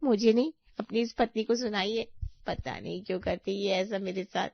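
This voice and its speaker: A woman's voice: medium pitch, steady tone, normal speed, vocal fry, no echo. A woman voicing a spiteful, scheming young sister-in-law in a cartoon story, with an accusing, whiny manner. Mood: whining. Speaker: voice actor. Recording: dry, slightly dull audio.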